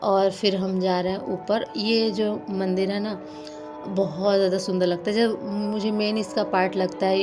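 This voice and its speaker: A young adult woman narrating a casual vlog in a chatty, rambling way with lots of fillers. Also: medium pitch. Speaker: vlogger.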